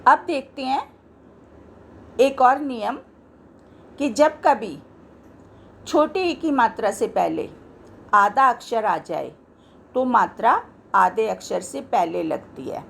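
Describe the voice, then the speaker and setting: A woman's voice: on the high side, lively intonation, slow pace, gravelly, long pauses, a bit bright, husky. A woman teaching a Hindi grammar lesson, explaining patiently and pointing to words she has marked.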